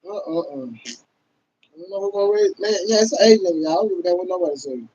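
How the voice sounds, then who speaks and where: A man, hosting a casual livestream rant. He talks loudly and profanely to his viewers, laughing often. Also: sits high, big pitch swings, quick pace, gravelly, dull audio. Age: 30s. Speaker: livestream host.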